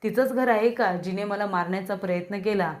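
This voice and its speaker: A woman's voice: medium pitch, a little fast, natural voice. A woman reading as a frightened, confused woman. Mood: fearful. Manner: anxious and suspicious questioning. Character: confused, frightened woman fearing she is hunted.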